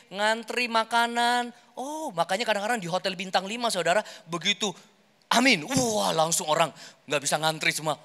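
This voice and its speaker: In a large hall full of long reverb, a pastor teaches an animated workshop sermon, talking to his congregation directly and staging brief everyday examples. He sounds high, bright and forceful.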